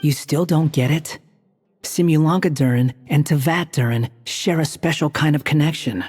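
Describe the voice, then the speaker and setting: A woman voices a sly, self-assured game character, explaining things in a dry, teasing, matter-of-fact way with a wry mood. Her voice is low, husky and darkish at a normal speed, set in game dialogue with long reverb and music.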